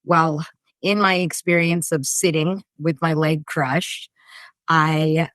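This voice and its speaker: A woman guest chats on a podcast in an easygoing way and laughs readily. Her voice is low and her pace is slow and unhurried. The recording is dry and close. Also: steady tone, fairly bright tone, no echo. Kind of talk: casual podcast chat.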